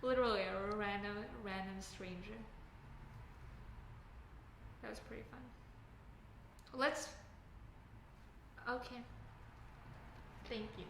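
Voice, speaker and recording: With a Canadian accent, a woman who is a software engineer chats on her livestream, reading comments amid filler words and tangents. Her medium-pitched voice is fairly even and slow, with vocal fry and frequent pauses, against a noisy background in an echoey room with faint ambience.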